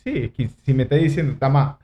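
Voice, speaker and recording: A man hosting a podcast, asking relaxed, curious follow-up questions. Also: medium pitch, fast talker. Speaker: podcast host. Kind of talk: casual interview. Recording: muffled lo-fi podcast audio.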